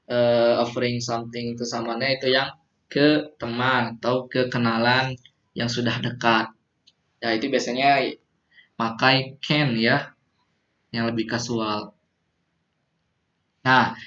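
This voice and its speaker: A man's voice: medium pitch, fairly bright tone. A man teaching English phrases, patiently repeating them for students to drill. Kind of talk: classroom teaching simulation. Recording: muffled lo-fi recording.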